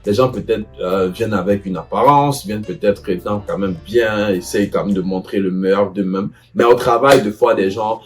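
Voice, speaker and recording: Brief: young man, lowish voice, halting advice vlog, faint guitar underneath. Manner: hesitant, many fillers and restarts. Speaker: vlogger giving advice to students. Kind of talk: casual advice talk.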